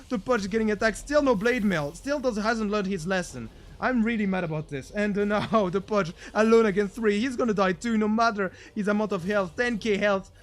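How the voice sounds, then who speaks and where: A man with a high voice casts a video game match for laughs. He jumps from low, muttered jokes to yelling over big plays, always playful and excitable. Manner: excitable, jokey, swings between mumbled asides and shouted hype. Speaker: game caster. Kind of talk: comedic esports commentary.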